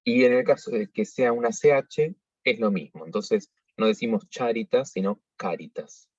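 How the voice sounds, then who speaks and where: A man teaching pronunciation in a measured, explanatory way, pausing often to think. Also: medium pitch, husky, no room sound. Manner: measured, explanatory, with frequent hesitations. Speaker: liturgical singing workshop teacher. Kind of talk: pronunciation tutorial. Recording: dull lo-fi recording.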